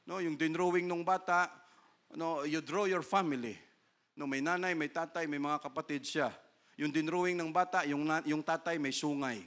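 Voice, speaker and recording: High, bright-voiced preaching man. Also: fairly even intonation. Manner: preaches in Taglish, reads scripture in slow King James English, asks "no?" constantly; rises to loud, high emphatic bursts. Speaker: pastor. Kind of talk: sermon.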